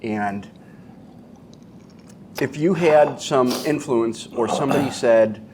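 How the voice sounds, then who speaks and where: A man's voice: mid-range voice, slow, a little mellow, a little hiss or hum. A man hosting a casual interview and food challenge, informal, coaxing and teasing as he talks. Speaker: interviewer and host of a wing challenge. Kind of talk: casual chat.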